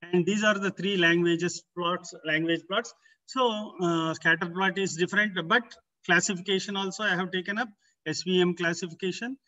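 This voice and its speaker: A man giving an academic research presentation, explaining in short, halting phrases as a conference presenter. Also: high-pitched, steady tone, pushed and bright, dull audio. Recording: distant, far from the microphone.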